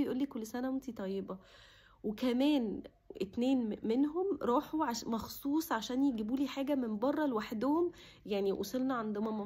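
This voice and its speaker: A young Egyptian woman with a husky, breathy voice, pitched a bit high, rushing through a personal story. She talks heartfelt and emotional, sometimes slipping into a near whisper. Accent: Egyptian Arabic. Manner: emotional, heartfelt, drops to a soft whisper at times. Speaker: vlogger. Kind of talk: casual personal talk to camera.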